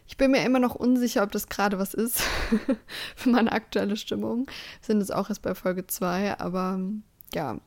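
A young woman co-hosts a relaxed conversational podcast. She talks in an easygoing, rambling way and often laughs softly between thoughts. Her voice sits at an ordinary middle pitch. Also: moderate pace. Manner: chatty, laughs often, trails off with fillers. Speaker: podcast co-host. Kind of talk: casual chat.

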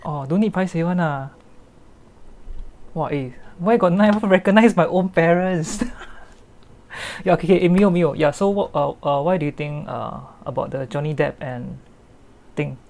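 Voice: medium pitch, normal speed, darkish tone, a little hiss or hum. A host with a Singaporean accent chatting casually about films in a group voice chat, joking and laughing often. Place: remote voice chat.

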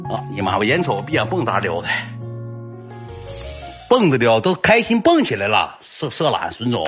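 A man with a Northeastern Chinese accent telling a comic story in an animated way, full of coarse slang and sound effects. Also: mid-range voice, normal speed, music in the background.

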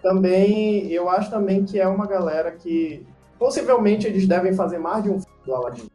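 Guy, higher voice, eager and giggly movie chat, echoey room. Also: moderate pace, mellow. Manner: enthusiastic, laughs often. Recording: echoey room with faint music.

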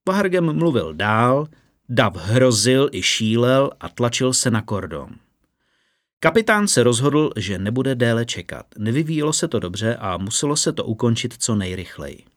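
A man's voice: mid-range voice, dry recording, clean studio sound. Man reading a fantasy audiobook. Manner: steady, measured storytelling. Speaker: narrator. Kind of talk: scripted audiobook narration.

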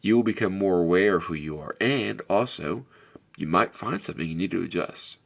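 Here the podcast host's low voice is creaky and moves a little fast. He's giving a reflective motivational talk, speaking earnestly and directly to the listener with a big, carrying sound.

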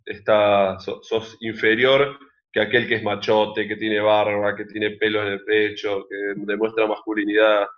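A man with an Argentine accent, a guest in a casual interview, explaining his views in a reflective, measured way. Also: lowish voice, fairly bright tone. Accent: Argentine Spanish. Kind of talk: casual conversation. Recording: dull lo-fi sound.

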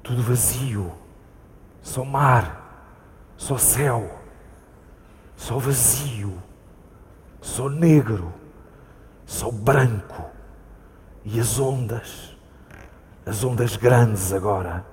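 With drawn-out words and frequent pauses, a man with a European Portuguese accent performs a live staged reading in an echoey theatre hall, slight background noise audible. His medium-pitched, darkish voice plays a frightened seafarer searching for his lost companion, pleading urgently and repeating himself in a haunted retelling.

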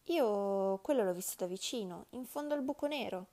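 A woman's voice: medium pitch, animated, moderate pace, natural voice. A woman doing a curious young sparrow. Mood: boastful. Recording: loud background music.

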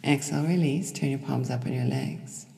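A yoga instructor giving slow, calm, short cues for a guided breathing practice. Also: mid-range voice, vocal fry. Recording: echoey hall with long reverb.

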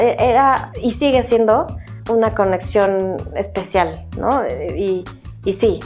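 A woman's voice: medium pitch, a little mellow. A woman with a Mexican accent telling her personal life story in a candid, conversational way, often adding little tag questions. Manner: candid and conversational, with frequent "o sea" and "¿no?" tags.

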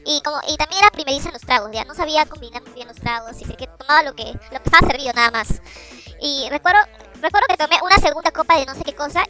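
A woman's voice: sits high, bright, forceful tone. A young woman telling rambling, self-correcting stories in a casual chat with friends. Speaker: storyteller in a group chat. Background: background music.

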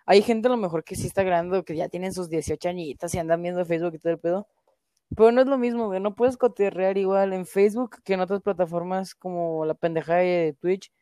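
A woman's voice: lowish voice, fast, dark tone, dry recording. A young woman with a Mexican accent, chatting casually on a stream, full of slang and swearing. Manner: slangy, swears a lot, peppers speech with filler words. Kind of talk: casual profane stream chat.

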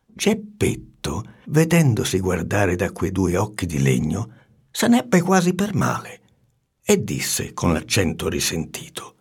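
A man reading a storybook aloud with an expressive, swinging delivery and hushed asides. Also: deep voice, takes it slowly, husky.

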